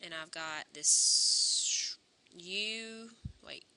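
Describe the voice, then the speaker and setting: A woman teaching a calculus lesson, slightly hoarse and clearing her throat, talking through each step aloud and correcting herself as she goes. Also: on the low side, drawn-out words, bright, forceful tone. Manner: talks through steps aloud, self-correcting. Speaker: math teacher.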